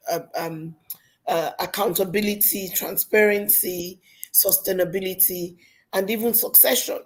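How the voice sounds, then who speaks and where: Raspy-voiced Nigerian woman on a panel. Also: on the low side, a little mellow. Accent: Nigerian English. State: raspy from a cold. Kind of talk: conference panel discussion.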